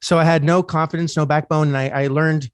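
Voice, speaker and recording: A man's voice: on the high side, level tone, fairly quick, clean tone, no echo, clean studio sound. A man from Canada hosting a podcast, telling candid personal stories in casual chat and swearing freely. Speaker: podcast host.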